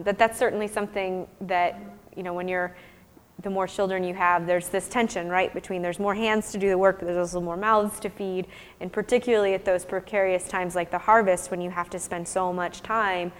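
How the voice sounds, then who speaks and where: Her voice is on the low side, clear and resonant. She's an American researcher giving an academic talk on her fieldwork and fielding audience questions informally, with thoughtful, explanatory phrasing. Long hall reverb fills the recording.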